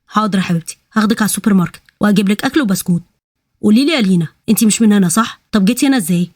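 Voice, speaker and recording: A woman voicing a soft-hearted but stubborn male thief who speaks Egyptian Arabic. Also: mid-range voice, very fast, no room sound, studio quality, lightly acted. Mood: gentle. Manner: insistent, gentle.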